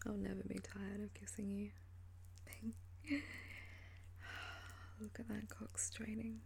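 A woman doing an ASMR role-play as a flirtatious, teasing lover, in a sultry, breathy and seductive voice. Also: on the high side, dark tone, slight background noise.

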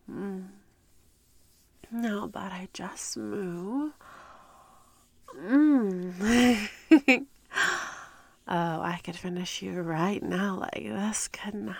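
A woman voicing a predatory, inhuman female seductress who speaks in slow, teasing whispers broken by mocking laughs, in an audio roleplay. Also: mid-range voice, dry recording, heavily acted. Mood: dominant, whispering.

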